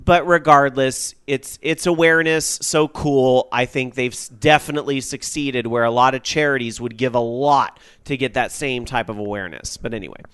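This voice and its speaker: A man hosting a casual gaming radio show, reading tweets and taking calls, his voice jumping up when excited. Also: medium pitch, moderate pace, few pauses, clean tone, no echo. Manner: excitable, voice jumps up when happy. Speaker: podcast host.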